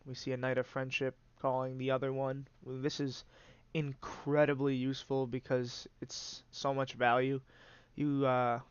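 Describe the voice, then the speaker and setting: Speaking at normal speed in a flat, medium-pitched voice, a congested host gives casual, meandering play-by-play on a card game. The tone is clean and dry, yet the recording sounds muffled, and he frequently says "uh" and restarts.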